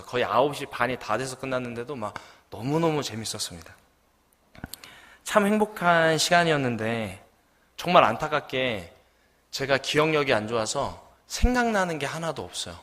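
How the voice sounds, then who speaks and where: Storytelling young preacher in a reverberant church. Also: male voice, medium pitch, sing-song, a little fast, bright, forceful tone. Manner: storytelling, asks the congregation questions. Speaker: junior pastor. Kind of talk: sermon. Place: church sanctuary. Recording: long church hall reverb.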